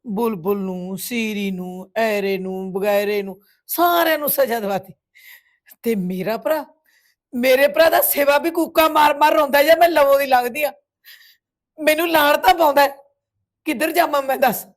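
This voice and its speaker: A woman's voice: medium pitch, normal speed, natural voice. An actress with a Punjabi accent playing a grieving village woman who bitterly reproaches a family friend. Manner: reproachful, tearful accusations. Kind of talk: village web series drama.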